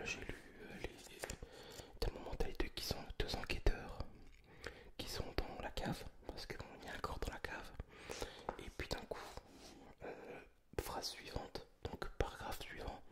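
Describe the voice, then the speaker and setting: Man in a hushed library whisper. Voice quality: breathy, unvoiced whisper. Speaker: ASMR video creator. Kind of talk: whispered ASMR book chat.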